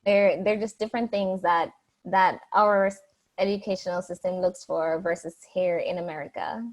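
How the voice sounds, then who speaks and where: A young Jamaican woman, a guest, answers interview questions chattily with lots of fillers and restarts. Her voice is lowish and steady, at a normal speed.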